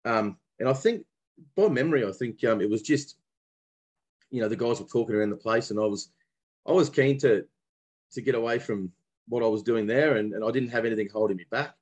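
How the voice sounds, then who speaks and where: A young adult man from Brisbane, a former professional cricketer, guests on a podcast and tells stories in a relaxed way, full of friendly Australian mateship slang and plenty of restarts. His medium-pitched voice is slightly rough, a little fast, and he pauses often.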